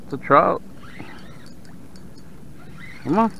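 South texas guy chatting to his viewers off a kayak, a bit high, gravelly voice. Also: extremely slow. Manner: relaxed, talks to fish and viewers. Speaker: fishing vlogger. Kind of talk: casual running commentary while fishing. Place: outdoors on open bay water. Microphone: action camera on the kayak. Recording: dull outdoor camera audio with faint water noise.

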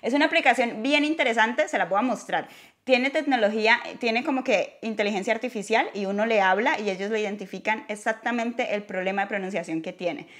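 Chatty Colombian woman vlogger. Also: medium pitch. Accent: Colombian Spanish. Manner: chatty, self-deprecating. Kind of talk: casual chat.

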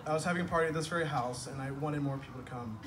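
A man's voice: mid-range voice, racing. A young man giving a humorous best-man toast at a night-time garden wedding reception, telling stories in a wry, self-deprecating way and landing punchlines. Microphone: far camera across the lawn. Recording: distant phone video with ambient noise.

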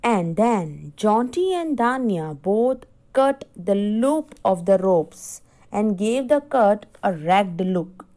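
A woman's voice: mid-range voice, sing-song, takes it slowly, few pauses, warm tone. A woman teacher reads a story aloud to her class and stops to explain difficult words to the children. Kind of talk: reading a story aloud in an English lesson.

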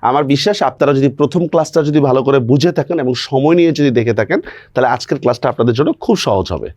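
A man's voice: medium pitch, very fast, darkish tone, no echo. A male teacher giving an online grammar lecture, explaining step by step and checking in with rhetorical questions.

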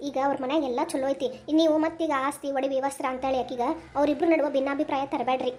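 A woman voicing a practical, protective village mother in a family cartoon, gently scolding and comforting in North Karnataka Kannada. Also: high-pitched, fairly even intonation, fast talker, a little hiss or hum, natural voice. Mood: advising.

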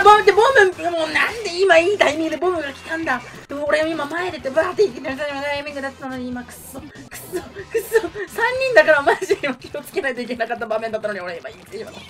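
A man giving live gameplay commentary, reacting as he goes, between muttering to himself and exclaiming. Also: very high voice. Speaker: gaming streamer. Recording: music and game audio behind. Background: video game music.

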